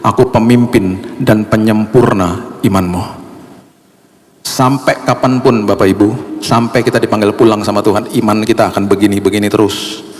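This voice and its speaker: A male pastor, preaching an emotional sermon that climbs high and loud when he is stirred. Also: a little hiss or hum. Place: church hall. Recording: long hall reverb.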